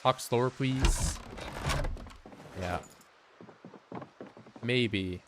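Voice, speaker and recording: A man's voice: medium pitch, extremely slow, background noise. A man giving casual live-stream commentary while he plays, joking dryly and answering his chat aloud. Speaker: game streamer.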